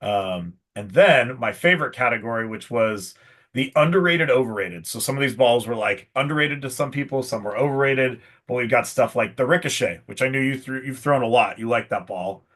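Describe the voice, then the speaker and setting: A man's voice: medium pitch, animated, a little fast, a bit bright. A man hosting a casual live stream for a shop, talking in a chatty, salesy way with lots of fillers. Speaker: pro shop host.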